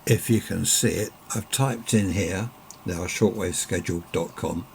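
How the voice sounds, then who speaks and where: A British man with a low, gravelly voice speaks at a moderate pace over music, giving a casual demonstration as an amateur radio hobbyist in his home radio room. He rambles off the cuff in a conversational way. The room is noisy, with radio static behind.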